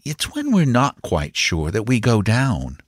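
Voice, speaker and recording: A high, animated young boy played by a man from a storybook. He is solemnly earnest and polite, eager to share yet guarding his secret. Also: a little slow, breathy edge, dry recording, clean studio sound, full character voice. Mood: confiding.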